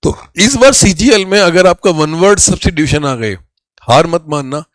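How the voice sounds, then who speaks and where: A hoarse man with a higher voice, teaching an exam vocabulary class and reading words. He talks to the students as if they were his own children and drills them with quick questions that he answers himself. The sound is dry and close. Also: animated, dry recording. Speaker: English teacher for competitive exams. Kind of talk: Hindi exam-prep vocabulary lesson.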